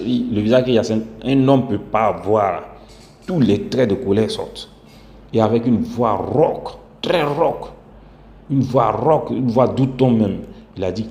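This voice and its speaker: A man giving a spoken religious testimony, halting and full of fillers and restarts. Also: low-pitched, a little mellow. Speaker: testimony speaker. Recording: echoey room with faint background hum.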